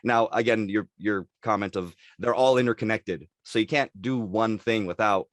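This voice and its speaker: A man from Los Angeles giving a measured, earnest statement as a city council candidate. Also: lowish voice, dry recording. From Los Angeles, California.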